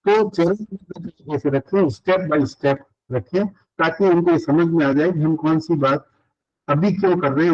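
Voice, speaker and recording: An older man giving a recorded university lecture, explaining points one by one and switching often into English phrases. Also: sits high. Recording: dull lo-fi recording.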